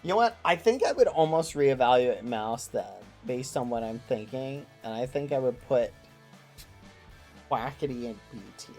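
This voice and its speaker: A livestreamer chatting casually with viewers, with an excitable, gushing way of greeting people. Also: mid-range voice, moderate pace, soft background music.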